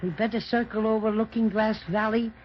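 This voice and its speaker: A cheerful little cinnamon teddy bear, voiced by a woman who guards the children and shoos away pests. The voice sits a bit high and stays brisk and reassuring. It comes through a muffled, faintly hissy 1930s radio transcription. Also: fairly even intonation, close to an everyday voice. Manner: cheerful, bossy toward the stork, reassuring.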